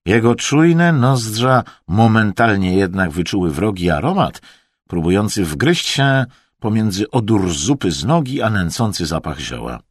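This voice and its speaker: A man reading an adventure audiobook in a dramatic, highly expressive way. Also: unhurried, slightly rough, no room sound, studio quality. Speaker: audiobook narrator. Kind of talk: scripted audiobook narration.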